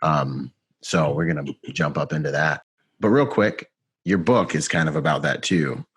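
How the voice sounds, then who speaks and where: A man's voice: rumbling low, moderate pace, a bit bright, husky. A man hosting a podcast interview, casual and laid-back, often tossing in "man". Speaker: podcast host.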